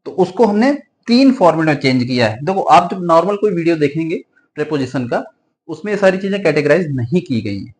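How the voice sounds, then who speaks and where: Male grammar teacher, fairly high voice, advising classroom tone, slow word-by-word dictation. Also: lively intonation. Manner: explains in Hindi with English examples, dictated slowly word by word; frequent checking "ठीक है" fillers, advising tone. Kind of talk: classroom-style grammar lesson for exam students.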